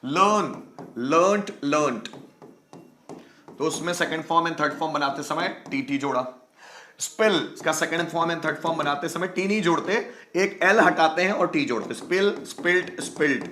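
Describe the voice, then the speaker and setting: Guy teaching english grammar in hindi, fairly high voice, says words twice and quizzes his viewers. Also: normal speed, sharp tone. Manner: repeats words aloud and asks the class questions. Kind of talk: explaining grammar rules in Hindi.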